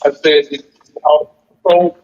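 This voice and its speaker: A male caller lectures earnestly over a crackly speakerphone line that fades in and out, repeating himself to drive points home. His voice is a little high and somewhat dark in tone, with little pitch movement and a slow pace.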